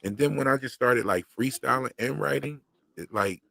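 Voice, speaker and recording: The speaker is a male YouTube host chatting casually on his own livestream, using slang and a loose rhythm, and recalling a heavy stutter he once had. His voice is mid-range and a bit bright, with vocal fry, at a normal speed.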